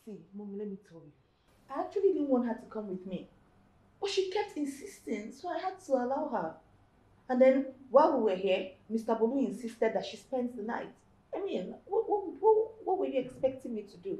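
A woman's voice: a little high, sing-song, a little fast, dark tone, echoey room, poor audio. An actress with a Nigerian accent playing an earnest young daughter pleading with her mother.

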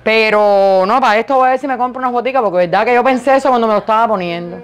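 A woman with a loud, high voice, chatting playfully and joking about herself while she models clothes in a boutique for a vlog. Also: racing. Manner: playful, joking, self-mocking.

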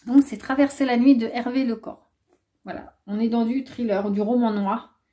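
A woman's voice: fairly high pitch, fairly even intonation, normal speed, warm tone. A young woman chatting casually through a book haul vlog, rambling with plenty of hesitations. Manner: chatty, rambling, many filler "euh"s. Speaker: booktuber.

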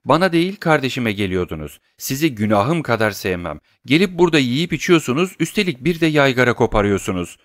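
A man's voice: mid-range voice, sing-song, fairly quick, hardly any pauses, no room sound, clean studio sound, pitched above the performer's own voice, natural voice. A man voicing a scolding housewife. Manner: sharp, scolding. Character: sharp-tongued housewife, middle-aged woman.

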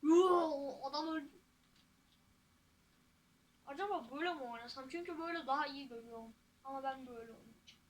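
A teenage girl giving casual, excitable gameplay commentary as a YouTuber, with loud outbursts and jokes. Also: sits high, fast talker, pauses often. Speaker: gaming YouTuber.

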